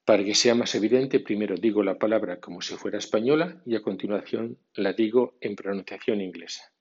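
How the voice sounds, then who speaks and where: A man teaching English pronunciation in a scripted podcast lesson, reading rules and word lists slowly and deliberately. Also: lowish voice, darkish tone, slightly rough, lo-fi sound.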